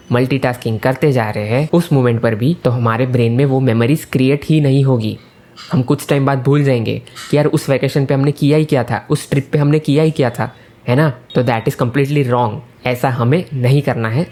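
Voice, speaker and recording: A man's voice: mid-range voice, mellow. A man giving a casual explainer talk on a book's ideas, mixing English words into his speech and checking in with the listener through frequent tag questions. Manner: mixes English words and phrases into Hindi. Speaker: self-improvement educator explaining a book.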